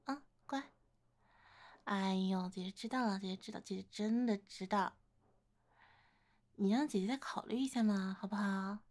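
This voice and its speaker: A woman's voice: medium pitch, moderate pace, long pauses, natural voice. A woman playing a playful older-sister type who coaxes and teases a younger man confessing to her, in a one-sided romantic role-play. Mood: teasing, coaxing. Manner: coaxing, playful teasing, gentle laughter.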